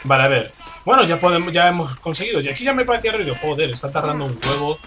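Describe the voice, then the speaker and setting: Excitable Spanish man over game music. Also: on the high side, rapid-fire. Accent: Spanish from Spain. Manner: excitable, swears, loud outbursts. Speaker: gameplay commentator. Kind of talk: let's play commentary.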